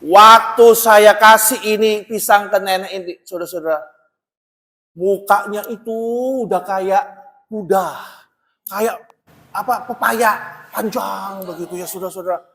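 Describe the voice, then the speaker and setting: A male pastor preaching a sermon, telling a story with lively emphasis and calling out often to the congregation. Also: sits high, measured pace. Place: church. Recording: long reverb of a large church hall.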